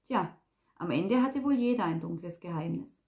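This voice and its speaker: A woman's voice: on the low side, expressive, moderate pace, mellow. Woman reading a crime novel aloud. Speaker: reader.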